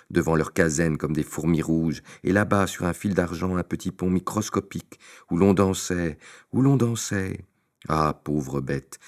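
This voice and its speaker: A man narrating a classic tale as an audiobook, with theatrical, varied emphasis. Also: a bass voice. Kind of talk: expressive storybook narration.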